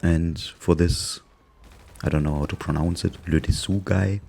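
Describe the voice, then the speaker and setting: A man's voice: deep voice, steady tone, measured pace, creaky, dark tone. A man with a German accent narrating his gameplay in a dry, sarcastic, amused way. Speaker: gaming YouTuber narrating gameplay. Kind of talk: casual gameplay commentary.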